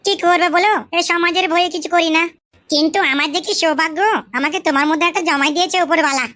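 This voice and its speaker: Flirty cartoon mother-in-law, coaxing, bright and fast woman voicing. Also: very high voice, steady tone, dry recording. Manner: coaxing, sweet-talking. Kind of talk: comic cartoon voice acting.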